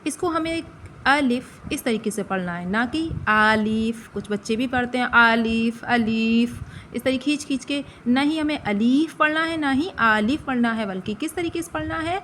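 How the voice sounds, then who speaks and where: A woman with a Pakistani Urdu accent teaching a recitation lesson, slowly sounding out letters and asking questions back to the learner. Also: high voice, fairly bright tone, slight background noise. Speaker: Quran reading teacher.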